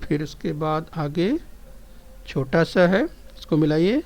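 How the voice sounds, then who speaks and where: A man teaching young children a Hindi lesson, speaking patiently and constantly encouraging his pupils, slowing down so they can repeat after him. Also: on the high side, darkish tone. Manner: patient, repeats phrases slowly for pupils to echo. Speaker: primary school teacher.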